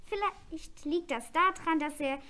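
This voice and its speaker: A woman voicing a timid winged unicorn girl in a storybook, quick and urgent. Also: extremely high pitch, pushed and bright, full character voice. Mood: anxious.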